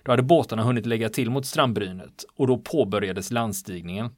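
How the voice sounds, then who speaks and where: A man's voice: on the low side, dry recording, studio quality. A man recounting a wartime history in a casual spoken style, telling it vividly and acting out the quoted lines of the people involved. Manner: animated, vivid retelling with quoted dialogue. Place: on the island where the events happened.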